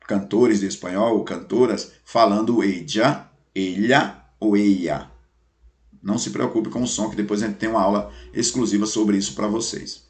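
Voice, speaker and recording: A man teaching a recorded lesson, patient, checking in often and slowing down to repeat each example. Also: fairly low pitch. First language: Portuguese. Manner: patient, drawing out examples slowly, checking in with "beleza?". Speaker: Spanish teacher.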